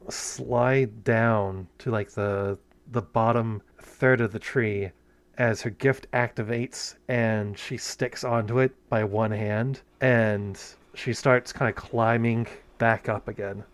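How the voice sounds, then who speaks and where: A man's voice: mid-range voice, no room sound. A man narrating a tabletop game as game master, hesitant, restarting phrases and counting dice aloud.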